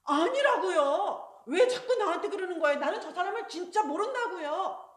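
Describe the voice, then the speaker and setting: A woman voicing an impulsive adult male disciple who protests loudly and insistently. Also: extremely high pitch, moderate pace, pitched above the performer's own voice. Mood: protesting. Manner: loud, protesting, emphatic. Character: impulsive grown man disciple, loud and insistent. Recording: roomy echo.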